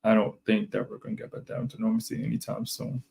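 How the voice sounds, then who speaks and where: A man's voice: lowish voice, very animated, fast talker, gravelly, warm tone, slight background noise. Rambling man on a casual podcast. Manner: rambling, repeats phrases, many fillers. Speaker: podcast co-host. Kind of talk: casual chat.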